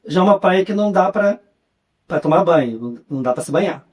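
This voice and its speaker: Carioca guy on a podcast, kinda high voice, laid back, chats about old times with lots of little tags. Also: fast talker. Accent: Carioca (Rio de Janeiro) Portuguese. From Rio de Janeiro, Brazil. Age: young adult. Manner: relaxed storyteller, often ends phrases with a questioning "né". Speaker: guest, journalist and writer. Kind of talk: casual interview chat.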